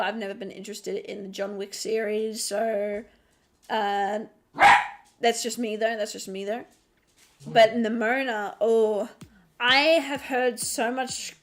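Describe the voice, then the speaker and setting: A young adult woman with an Australian accent, chatting casually on a livestream, swearing freely and breaking off to scold her dog. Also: a little high. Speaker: streamer.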